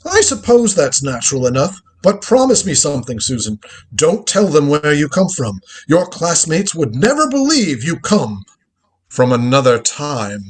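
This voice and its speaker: Here the time-traveling grandfather scientist, a curious old man played by a performer reading a radio drama script, is explaining things as he muses and exclaims theatrically. The medium-pitched voice is husky and moderately paced, with big pitch swings.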